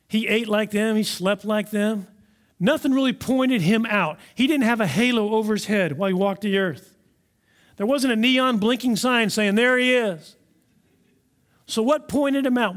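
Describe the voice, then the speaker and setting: A man preaching a sermon in a conversational, animated storytelling manner. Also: high voice. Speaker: pastor.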